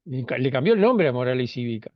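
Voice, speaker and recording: A man's voice: medium pitch, sing-song, fast, no room sound, dull audio. A man speaking on a panel discussion, hesitant, with many fillers and restarts.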